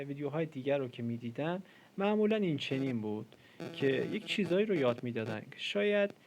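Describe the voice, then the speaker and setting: A man's voice: mid-range voice, creaky, darkish tone, slight background noise. A man in his twenties giving a casual coding lesson, chatty and self-deprecating, with lots of fillers. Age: 20s. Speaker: programming tutor.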